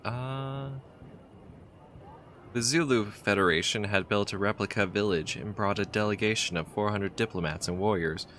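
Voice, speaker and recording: A man with a very low voice plays a text adventure game and reads its story aloud. He has a bright, forceful tone. He chats casually and often trips over a word and starts it again. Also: slight background noise. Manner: casual, chatty, with halting restarts while reading. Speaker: game player. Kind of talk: let's play, reading game text aloud.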